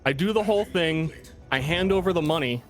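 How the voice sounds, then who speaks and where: A man co-streaming a game, chatting and telling things casually in a halting, deliberate way. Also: fairly high pitch, over music. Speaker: gaming co-streamer. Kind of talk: casual chat and storytelling.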